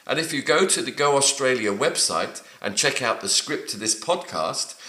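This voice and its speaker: A man hosting a scripted English-learning podcast, reading quiz questions in a lively way. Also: mid-range voice. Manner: lively quiz-style delivery. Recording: roomy echoey studio sound.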